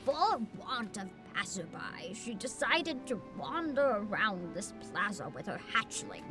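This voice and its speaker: A woman voicing a very old, formal man from a video game, speaking in courtly, measured phrases as he earnestly asks for help. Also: medium pitch, sing-song, over music, voice pushed down. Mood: earnest, troubled.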